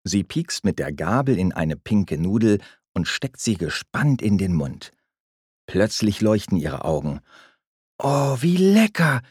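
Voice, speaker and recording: A man reading a children's story aloud, gentle and expressive. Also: sits low, unhurried, husky, no echo, clean studio sound. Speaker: narrator.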